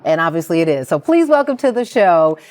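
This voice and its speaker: A woman leads a studio interview on a television talk show, lively and playful, teasing now and then. Her voice sits a little low for a woman, and the sound is close and dry. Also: brisk, no echo.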